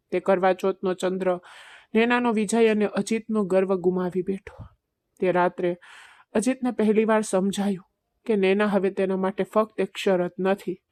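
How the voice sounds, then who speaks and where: A woman narrates an emotional family story in a soft, even storytelling voice. Her pitch sits in a middle range and stays quietly measured.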